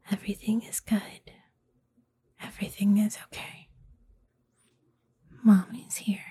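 A hushed, doting motherly woman, played by a woman whispers slowly and softly. Her voice sits a little high but mellow, with faint noise behind her. She coaxes and calms in a close, intimate audio roleplay.

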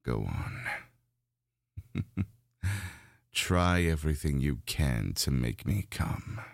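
A lustful, domineering dragon, as a man acts it out, growling slow, gloating commands in a voice pitched extremely low. The sound is gravelly and unhurried. It is recorded dry and close, like an audio roleplay. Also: sing-song, dry recording, exaggerated voice.

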